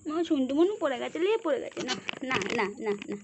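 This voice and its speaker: A woman's voice: sits high, lively intonation, fast, background noise. A woman talking sing-song baby talk to her pet, coaxing it and repeating her words. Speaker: pet owner filming her pet.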